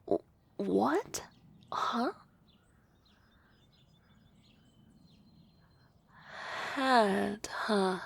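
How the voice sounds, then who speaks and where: In an ASMR roleplay, a woman plays an energetic young harpy classmate, speaking softly and often whispering in a teasing way. Her mid-range voice is creaky and sounds hurt, with no room sound.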